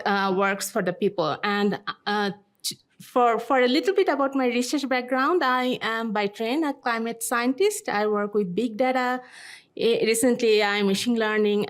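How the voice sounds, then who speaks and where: A woman's voice: on the high side, fairly bright tone. Woman with a Bangladeshi accent lecturing. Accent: Bangladeshi English. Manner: halting, with frequent fillers and restarts. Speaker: guest lecturer, climate scientist. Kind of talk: academic seminar talk. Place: seminar room.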